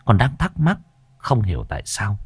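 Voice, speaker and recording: Deep male voice, ghost story narration, lively rise and fall, dry close sound. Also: normal speed, husky, no echo. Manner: dramatic, expressive storytelling.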